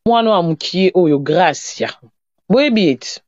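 A woman's voice: on the low side, expressive, slow, a little mellow, dry recording. A woman commentator who lectures and scolds in a casual online talk. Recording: dull muffled recording.

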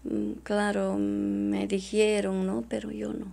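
Distressed woman with a gravelly voice. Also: mid-range voice, big pitch swings, dark tone. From Peru. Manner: halting and repetitive, often addressing the interviewer as doctora. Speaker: witness. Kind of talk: emotional testimony in an interview.

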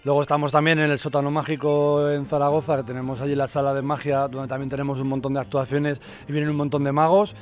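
A man's voice: medium pitch, level tone, quick pace. A middle-aged man with an accent from Spain chatting casually as a performer in an interview. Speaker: stage performer. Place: theatre stage. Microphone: handheld close mic.

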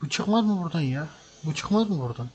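A man's voice: on the high side, animated, fast talker, a little mellow, dull audio, a little hiss or hum. A man hosting a truck-game role-play, ranting angrily, swearing and repeating himself out of frustration. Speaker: gaming channel host. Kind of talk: role-play gameplay commentary.

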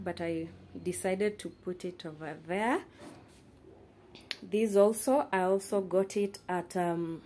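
A woman's voice: fairly low pitch, darkish tone, slight background noise. A young Kenyan woman giving a casual tour of her small studio apartment, chatting with many fillers while filming on her phone. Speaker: vlogger. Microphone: handheld phone camera, speaker off screen.

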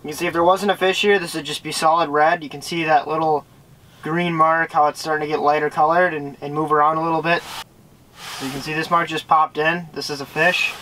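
A man's voice: fairly high pitch, level tone, a little fast, sharp tone, low-quality recording. Young man, fishing how-to vlog, chatty explaining, small ice shelter, camera mic, light background noise. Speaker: fishing vlogger. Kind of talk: casual how-to commentary. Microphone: camera-mounted shotgun mic with windscreen.

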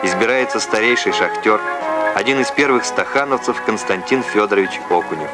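Man narrating an old newsreel over loud music. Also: lowish voice, brisk.

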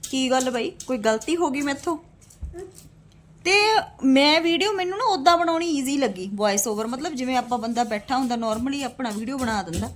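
High-voiced woman, scornful roast vlogger. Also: lively intonation, brisk, slight background noise. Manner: scornful, indignant; addresses viewers as brothers and sisters. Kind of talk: casual roast vlog to camera.

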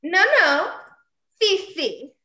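A woman's voice: very high voice, very animated, drawn-out words, pushed and bright, reverberant, exaggerated voice. A woman playing a coy French maid. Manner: coy, nervous dodging. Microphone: video call.

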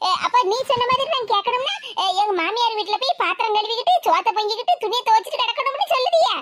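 A woman voicing a chattering, mocking young village wife with a Tirunelveli accent in an animated cartoon. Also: very high voice, quick pace. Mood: gossipy. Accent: Tirunelveli Tamil. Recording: hissy home recording.

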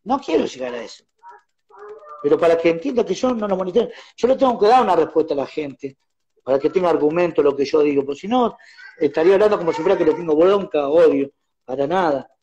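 A man with an Argentine accent, a musician guest speaking in a casual radio interview, telling his stories with animated acted-out exchanges. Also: on the high side, quick pace, highs cut off, slight background noise. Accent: Argentine Spanish. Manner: animated storyteller acting out phone quarrels. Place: radio studio.

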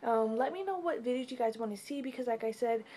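A woman's voice: on the high side, lively intonation, fast talker, dark tone, a little hiss or hum. A tired young woman giving a casual, rambling pregnancy update vlog at home, with many fillers. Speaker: vlogger.

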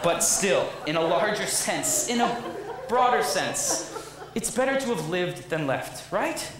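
A man's voice: sits high, very animated, unhurried. A young man playing a wry, chatty theatre fan. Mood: rueful. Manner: chatty, wry asides to the audience. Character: wistful middle-aged male theatre fan narrator. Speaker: Man in Chair. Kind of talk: student stage musical acting. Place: school auditorium stage. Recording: echoey auditorium, audience noise.

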